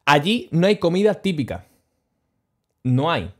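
On his stream, a man with a fairly high-pitched voice tells a travel story at an unhurried pace. He's casual, animated and slangy, chuckling along the way.

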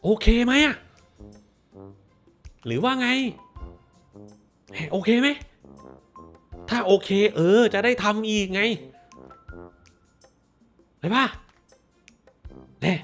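A man's voice: high voice, lively intonation, slow pace, long pauses, faint music behind. A man hosting a movie review show, ranting casually in a crude, profane, sarcastic way.

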